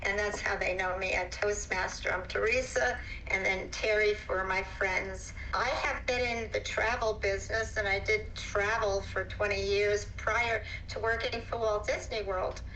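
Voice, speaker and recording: A woman's voice: mid-range voice, fairly even intonation, moderate pace, pushed and bright, slight background noise, poor audio. An older woman, a great-grandmother, chatting cheerfully on a video call. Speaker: retired guest.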